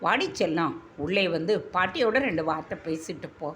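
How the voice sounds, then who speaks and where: A woman's voice: on the low side, lively intonation, brisk, a bit bright, a little hiss or hum. A woman voicing a grieving elderly grandmother who is locked away, speaking in a tearful, pleading, affectionate way.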